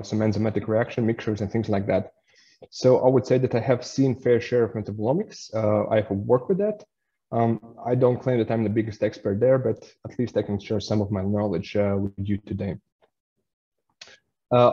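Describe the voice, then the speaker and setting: A man delivers a webinar lecture in a lowish, mellow voice. He pauses and restarts often, filling gaps with "uh". The sound is slightly muffled, as over a video call. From Latvia. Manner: hesitant, many fillers and restarts while explaining.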